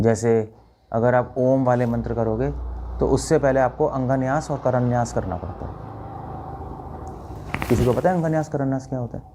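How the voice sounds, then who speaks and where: Monk teaching, warm mellow voice. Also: male voice, mid-range voice, slight background noise. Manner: questioning listeners, demonstrating chants. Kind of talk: spiritual talk to an audience.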